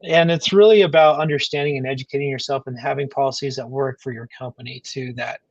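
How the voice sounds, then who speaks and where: A man's voice: medium pitch, steady tone, fast talker, no room sound, muffled recording. A man co-hosting a live talk on workplace HR, speaking in an earnest, explanatory way. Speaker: HR co-host. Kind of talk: casual live show chat.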